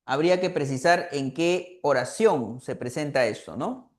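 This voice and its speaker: Guy teacher going over a quiz online, kinda high voice, talks slow, lots of "eh" and checking in. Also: roomy sound. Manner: asks students questions, fills with "eh" and "¿ya?". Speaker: language teacher. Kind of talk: online review class lecture.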